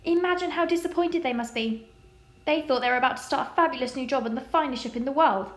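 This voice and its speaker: A woman's voice: high-pitched, quick pace, roomy sound, close to an everyday voice. A woman voicing a mischievous, adventurous young girl who talks eagerly and dramatically. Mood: theatrical.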